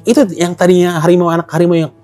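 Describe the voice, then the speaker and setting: A man's voice: high voice, racing, faint music behind. A man telling a story in casual chat, acting out the dialogue in slang. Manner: animated, acts out dialogue in slang. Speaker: storyteller guest.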